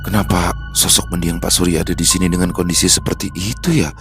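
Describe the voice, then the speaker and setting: A man's voice: low voice, steady tone, quick pace, over music, voice pushed down, lightly acted. A man voicing the inner thoughts of an uneasy young woman who sees a ghost. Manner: hushed, wondering inner thought.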